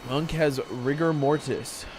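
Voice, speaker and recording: A man's voice: fairly high pitch, fairly even intonation, a little slow, noisy background. A man in his twenties chatting casually with his viewers while streaming a game, joking around and swearing often. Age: 20s. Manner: joking banter with chat, frequent swearing. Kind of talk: casual live gaming stream chat.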